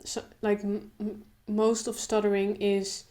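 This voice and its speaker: A video creator, a young woman with a mid-range voice, chats casually to the camera. She stutters openly, repeating sounds and pausing, before settling into a relaxed, slow way of speaking.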